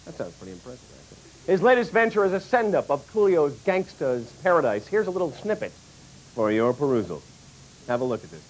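A man's voice: a little high, big pitch swings, a little fast, low-quality recording. A jokey, playful man hosting a comedic late-night chat show, heard from a worn videotape copy. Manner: jokey and playful, breaks into laughs. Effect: worn VHS tape copy. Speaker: talk show host. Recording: hissy worn videotape dub.

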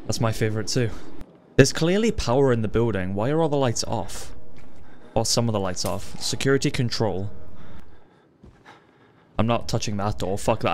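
A man's voice: on the low side, slight background noise. A man giving sweary gameplay commentary as a scared, jumpy horror game streamer. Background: horror game sounds.

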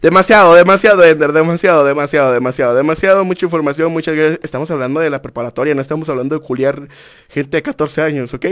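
A young man, a streamer telling a story to his chat in a casual, animated way, full of crude slang. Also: mid-range voice.

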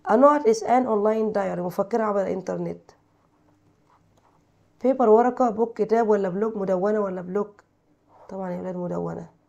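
A woman's voice: medium pitch, a little fast, vocal fry, long pauses, darkish tone, muffled recording. A woman teacher with an Egyptian Arabic accent, working through textbook exercises, reading English sentences and translating them while quizzing her pupils.

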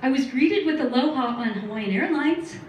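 Deadpan middle-aged woman doing stand-up. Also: high voice, normal speed, highs cut off. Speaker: stand-up comedian. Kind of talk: stand-up comedy set. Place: small studio at a comedy night. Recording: roomy, distant live recording with faint noise.

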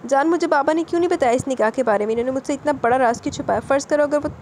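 A woman's voice: high-pitched, rapid-fire, darkish tone, a little hiss or hum, lightly acted. A woman voicing a tearful young bride who feels guilty and pleads through her tears in an audio novel. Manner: anguished, pleading.

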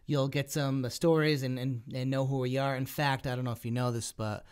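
A man's voice: mid-range voice, little pitch movement, a little fast, smooth. Chuckling, agreeable man co-hosting a podcast. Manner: agreeable, laughing, stammering restarts. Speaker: podcast co-host. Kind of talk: casual chat.

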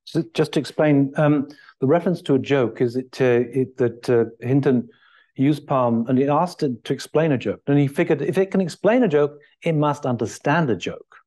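A man's voice: mid-range voice, moderate pace, warm tone. A middle-aged man giving a keynote lecture at a lectern in a large hall, thinking aloud with many fillers and restarts. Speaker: keynote speaker. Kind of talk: conference lecture.

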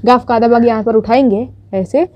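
A woman teacher explaining a writing lesson slowly and patiently, repeating each step and checking in with her students. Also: a little high, fairly even intonation, warm tone, no echo. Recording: dull lo-fi audio.

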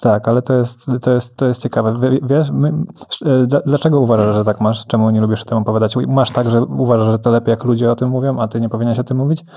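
Fast-talking gravelly podcast host man. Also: medium pitch, fairly even intonation, dark tone. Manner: quick, probing questions, restarts. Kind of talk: casual interview.

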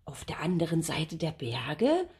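A woman's voice: sits low, wildly swooping pitch, a little slow, a little mellow, slightly rough, heavily acted. An older woman voicing a shy, nervous little boy dragon in a storybook reading. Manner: timid and hesitant.

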